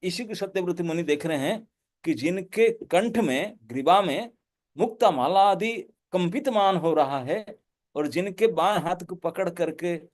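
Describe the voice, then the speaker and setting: A man who is a monk, giving a devotional lecture and telling the story in an animated way with laughs. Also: high-pitched, measured pace. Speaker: monk and preacher.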